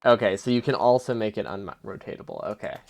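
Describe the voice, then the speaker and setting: A man's voice: on the low side, lively intonation, quick pace, gravelly. A man streaming a video game live, thinking aloud, chuckling often and answering his chat in a casual, easily amused way.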